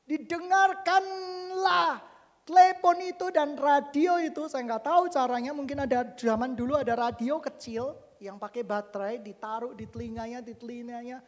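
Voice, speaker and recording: High-voiced pastor booming in a hall. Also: male voice, steady tone, moderate pace, few pauses. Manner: dramatic, jokey, swings from shouts to whispers. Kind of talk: sermon with personal story. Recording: long reverb of a church hall.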